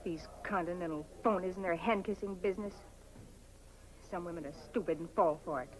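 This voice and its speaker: An actress playing a bitter, resentful young actress in a 1950s film, muttering angrily. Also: female voice, fairly low pitch, brisk, close to an everyday voice, low-quality recording. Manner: angry, sulky muttering. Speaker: aspiring actress. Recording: faint noise of a 1950s film soundtrack.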